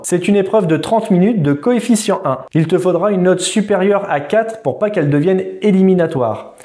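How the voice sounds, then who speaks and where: A man tutoring for a driving exam, talking informally straight to the viewer and reading out quiz answers slowly and distinctly. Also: on the high side, dark tone. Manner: informal, addresses the viewer directly. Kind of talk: quiz lesson video.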